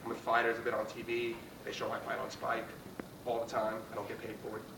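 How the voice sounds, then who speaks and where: A man's voice: fairly low pitch, completely flat delivery, quick pace. A man gives a pre-game pep speech as a guest motivator, emphatic and rallying, punching out short phrases. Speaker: guest motivational speaker, fight trainer. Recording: roomy, distant mic, clear background noise.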